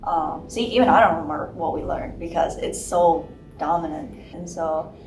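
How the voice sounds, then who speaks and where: A woman's voice: sits low, normal speed. A young adult woman who answers emphatically and uses many fillers in a casual interview. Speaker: student interviewee. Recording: roomy with clear guitar music.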